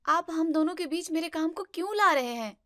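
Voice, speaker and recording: A woman's voice: extremely high pitch, lively intonation, bright, forceful tone, no echo, clean studio sound, full character voice. A woman playing a young newlywed wife, a vlogger who sulks and teases her husband. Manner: pouting, quick to take offense. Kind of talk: family drama acting.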